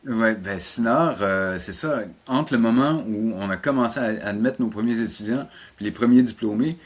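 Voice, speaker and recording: A middle-aged man with a Quebec French accent speaks at medium pitch and normal speed. He's an animation teacher and programme coordinator chatting casually as an interview guest, often repeating words while he searches for the right phrasing.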